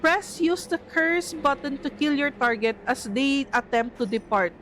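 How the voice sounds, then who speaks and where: An excitable, easily startled woman with a Filipino accent, playing a horror game for viewers and reading its text aloud. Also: high-pitched, moderate pace, a little hiss or hum. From Philippines. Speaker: gaming streamer. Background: game music.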